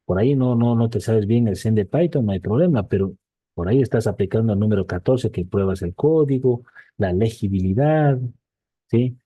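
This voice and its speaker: A middle-aged man with a very dark, mellow voice teaches a casual online programming class. He reads points aloud, then explains them in loose asides, checking in with his students and repeating himself as he goes. The sound is close and dry. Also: lowish voice, normal speed, dry recording. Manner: checks in with frequent "¿sí?" tags; often restarts and repeats words.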